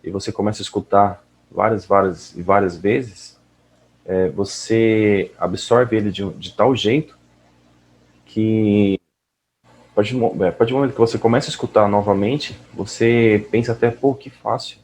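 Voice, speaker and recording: A man teaching English listening in a casual, relaxed way, often checking in with the listener. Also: on the low side, normal speed. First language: Portuguese. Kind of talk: casual explanatory lesson.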